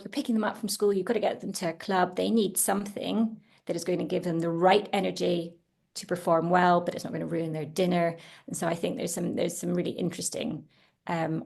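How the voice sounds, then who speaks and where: A woman who founded a children's food brand and comes from an Italian household speaks with a fairly low, creaky, darkish, slightly rough voice. She talks chattily and eagerly on a casual webinar panel recorded over video call, using many fillers and restarts.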